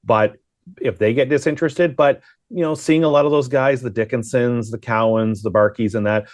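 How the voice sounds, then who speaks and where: In a mid-range, slightly mellow voice with fairly even intonation and normal speed, a man guest-broadcasts conversational hockey analysis. He often poses rhetorical questions to himself as he thinks aloud, recorded in clean studio sound without echo.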